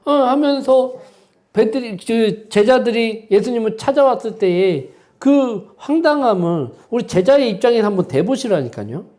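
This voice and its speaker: A man's voice: very high-pitched, expressive, moderate pace, warm tone. A man preaching a Sunday sermon as pastor. He talks with fervor and keeps asking the congregation rhetorical questions. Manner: impassioned, many rhetorical questions and prompting "eh?" tags. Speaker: senior pastor. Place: church sanctuary.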